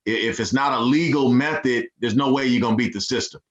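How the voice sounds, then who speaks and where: A man speaking as a podcast guest in a relaxed, laid-back way, with lots of fillers. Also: mid-range voice, fast talker. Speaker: guest, nonprofit founder. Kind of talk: casual interview chat. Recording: dull lo-fi sound.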